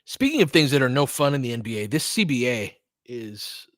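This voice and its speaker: Very animated and fairly quick, this man narrates a basketball game live in snappy, informal fragments while chatting with his audience. His mid-range voice has a fairly bright tone. As a podcast host he's recorded dry, with clean studio sound.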